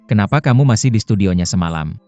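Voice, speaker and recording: A jealous, brooding young man confronts his partner in a serial drama , played by an actor. His voice is very mellow and fairly low. Music sits quietly behind him. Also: lively intonation, fast talker, no echo, lightly acted. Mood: jealous, accusing. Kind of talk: dubbed serial drama dialogue. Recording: dull lo-fi audio, music behind.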